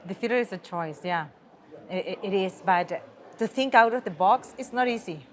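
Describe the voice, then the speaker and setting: A woman's voice: mid-range voice, moderate pace. A Chilean woman, a native Spanish speaker, conducts a conference interview in English. She speaks thoughtfully and sometimes searches for the right word. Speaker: interviewer, TV journalist.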